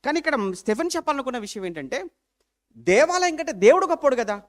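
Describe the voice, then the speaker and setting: Speaking quickly in a very high voice, a man delivers a lively sermon as pastor. He shoots out rhetorical questions and shifts from booming appeals to quiet asides.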